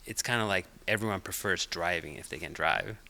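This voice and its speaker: A middle-aged man from Finland, a podcast guest whose first language is Finnish, chatting in a relaxed, hesitant way with many fillers. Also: sits low, fairly quick, creaky, a little hiss or hum. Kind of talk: casual interview chat.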